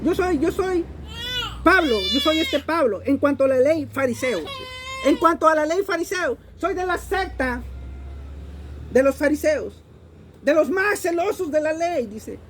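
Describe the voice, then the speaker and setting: A woman's voice: high voice, lively intonation, a little slow, a little hiss or hum. A Mexican woman preaching a Bible-study sermon in an emphatic way, often repeating words as she searches for the next phrase.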